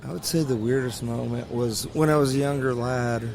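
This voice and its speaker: This podcast guest, a man in his late thirties, jokes around with the hosts in loose, rambling banter by a racetrack, with loud crowd noise all around. He speaks briskly in a mid-range voice with fairly even intonation and vocal fry.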